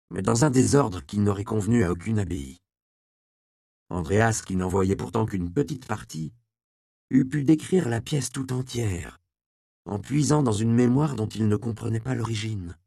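Man narrating a novel, low gravelly voice, dry close mic. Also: dark tone, no room sound. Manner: measured storytelling. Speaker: audiobook narrator. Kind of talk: scripted narration.

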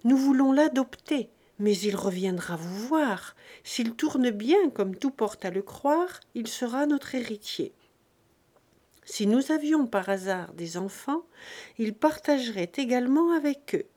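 A woman voicing a calm, well-off gentleman who makes a measured, careful offer. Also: on the high side. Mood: persuading.

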